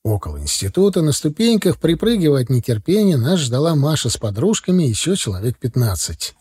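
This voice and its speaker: A man reads a first-person story aloud with a husky, mellow voice. His pitch moves a lot as he tells it, bringing lively color to the narration. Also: brisk. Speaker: audiobook narrator.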